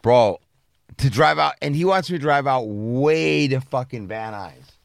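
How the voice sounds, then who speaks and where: Male podcast storyteller, gravelly, dry close mic, animated and profane. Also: medium pitch, unhurried, no room sound. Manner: animated, swearing, acting out quoted people.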